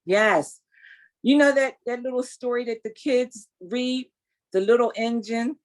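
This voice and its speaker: A woman in her sixties, with a fairly high voice and a measured pace, is a guest in a casual interview giving her testimony. She tells her story emphatically and with strong faith.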